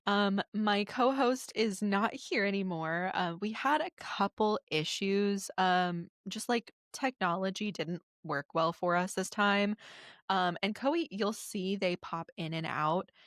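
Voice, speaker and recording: A woman hosting a podcast, enthusiastic and filling pauses with lots of ums. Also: medium pitch, a bit bright, no echo, studio quality. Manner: enthusiastic, many filler ums. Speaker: podcast host.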